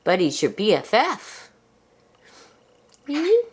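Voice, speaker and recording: Slow-paced woman cooing baby talk to birds. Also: medium pitch, huge pitch swings. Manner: sing-song cooing with repeated short phrases. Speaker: pet bird owner. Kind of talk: affectionate baby talk to a pet bird. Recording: very noisy home recording with bird chirps.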